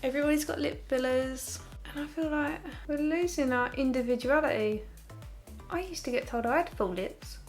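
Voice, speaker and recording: A young woman walks through her makeup routine in a chatty, candid tone, dropping wry, sarcastic asides along the way. Her voice sits a touch high, and soft music plays faintly in the background. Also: moderate pace. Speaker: makeup tutorial host. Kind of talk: casual makeup tutorial narration.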